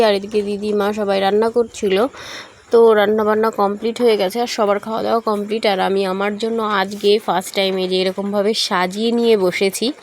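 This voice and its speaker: A woman's voice: mid-range voice, a little mellow, slight background noise. A young woman from West Bengal narrating a casual travel vlog, talking straight to her viewers with fillers and self-corrections. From West Bengal, India. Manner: chatty, addresses viewers directly, many fillers and self-corrections. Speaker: vlogger.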